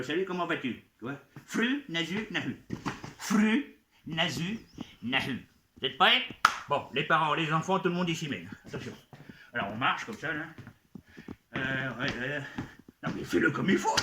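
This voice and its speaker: A man's voice: on the high side, animated, normal speed. A man performing a playful live comic show for children, coaxing and talking straight to the young audience. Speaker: children's entertainer playing a goblin expert. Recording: echoey live venue with background noise.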